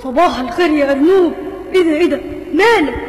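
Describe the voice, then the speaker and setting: A woman's voice: high-pitched, racing, soft background music, voice pushed down, natural voice. Woman doing a bluff kindly Egyptian dog. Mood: friendly. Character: friendly male dog. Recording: echoey, voice set back.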